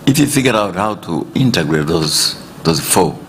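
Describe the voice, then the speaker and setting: A man in his sixties who grew up in Tanzania gives panel remarks in a very deep voice. He speaks in a measured way and chuckles between points. Faint ambient noise sits behind him. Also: expressive, fairly bright tone. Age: 60s. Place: conference hall.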